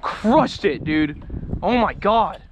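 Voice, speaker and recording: A young man giving excited casual fishing vlog commentary in frat-bro slang, saying dude constantly. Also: high voice, takes it slowly. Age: young adult. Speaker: fishing vlogger. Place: outdoors on small boat on canal. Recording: windy outdoor noise on boat.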